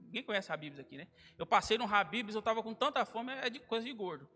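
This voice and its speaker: Loud guitar music and long hall reverb surround a young man preaching in a church hall in a high, husky voice at a quick pace. Familiar and casual, he addresses people as "cara" and "irmão" and acts out the dialogue in his stories.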